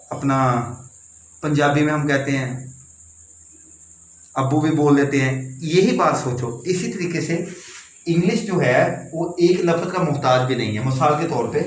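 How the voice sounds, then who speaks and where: A man explaining English spelling and pronunciation to learners, spelling words out letter by letter and repeating his points. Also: fairly high pitch. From Pakistan. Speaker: English teacher. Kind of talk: classroom-style explanation. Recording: echoey room, faint background noise.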